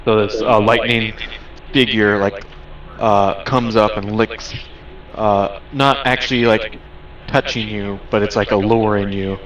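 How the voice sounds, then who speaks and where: A man with a fairly low voice runs a tabletop game as game master. He improvises narration very slowly, halting to find words. The microphone sounds some way off. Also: fairly even intonation, a crowd in the background. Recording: distant microphone.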